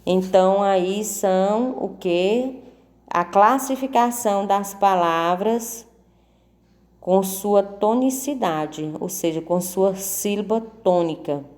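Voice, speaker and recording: A woman's voice: mid-range voice, slow, a little mellow. A woman teacher going through a worksheet correction, patiently repeating and drawing out words to mark the stressed syllable. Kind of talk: slow worksheet correction lesson.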